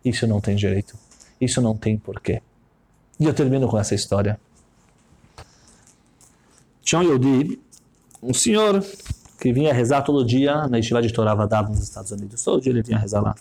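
A man with a Brazilian Portuguese accent telling a story in a sermon, animated and peppered with Hebrew terms. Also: medium pitch, fairly quick, vocal fry, long pauses. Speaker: religious speaker.

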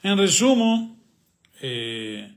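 With a high pitch, a sing-song lilt and drawn-out words, a rabbi with an Argentine accent and Spanish as his native tongue teaches the week's Torah portion. His lesson runs on self-posed questions and answers, broken by frequent hesitations.

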